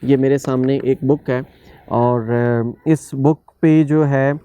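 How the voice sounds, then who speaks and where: A man's voice: mid-range voice, fairly even intonation, slow, mellow, smooth. Male teacher, muffled recording. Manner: mixes Hindi-Urdu with English, repetitive listing, frequent fillers. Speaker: spoken English teacher. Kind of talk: online language lesson.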